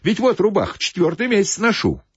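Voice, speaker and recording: A man voicing a dirty, weary peasant in a torn sheepskin coat, talking in a slow, low grumble. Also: wildly swooping pitch, breathy edge, no echo, heavily acted. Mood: grumbling. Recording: dull dry lo-fi recording.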